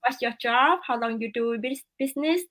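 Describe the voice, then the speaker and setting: A woman with a Vietnamese accent hosting a casual livestream over a video call, talking with many fillers and pauses. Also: a little high, fairly bright tone, a little hiss or hum. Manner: hesitant, many fillers, broken English. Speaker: livestream host.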